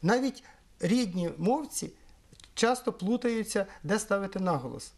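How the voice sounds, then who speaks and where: A middle-aged man from Ukraine explaining things in an interview, measured and pausing often on fillers. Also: high-pitched, lively intonation. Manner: measured, with frequent hesitations and fillers. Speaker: interviewee, Esperanto historian.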